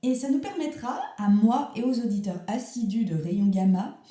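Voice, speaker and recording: Woman playing a mock-formal young radio interviewer, teasing, mellow tone, roomy sound, comic radio sketch. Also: on the high side, lively intonation, moderate pace, pitched below the performer's own voice, natural voice.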